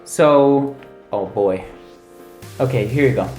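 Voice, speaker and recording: A male host gives a casual, laid-back product review at a medium pitch. His voice bounces around an echoey room, with music playing underneath. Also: slow pace, darkish tone. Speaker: fragrance reviewer and channel host. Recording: roomy echo with music underneath.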